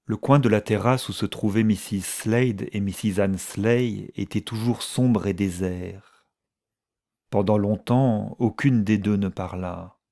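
A man reads a story aloud in a measured, even manner. His voice sits low, with a dark, mellow warmth. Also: gravelly. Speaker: narrator. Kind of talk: audiobook reading.

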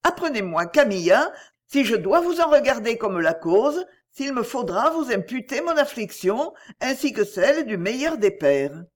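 A woman's voice: a little high, big pitch swings, moderate pace. A woman reading aloud and voicing a worried, watchful middle-aged mother who presses her daughter urgently. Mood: anxious pressing.

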